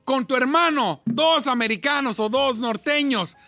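A man's voice: extremely high pitch, measured pace, creaky, pushed and bright, faint music behind. A man co-hosting a radio call-in show, blunt and argumentative, full of slang. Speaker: radio co-host.

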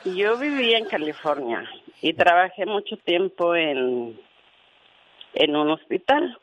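A woman's voice: fairly low pitch, big pitch swings, measured pace, muffled recording. A woman calling into a radio show, earnestly telling a story with quoted dialogue, her voice tearful at times. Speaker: radio caller.

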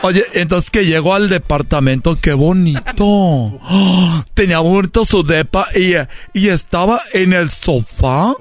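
A man with a Mexican Spanish accent telling an animated comedic story with friends, quoting the voices of the people in it. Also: high voice, unhurried, hardly any pauses.

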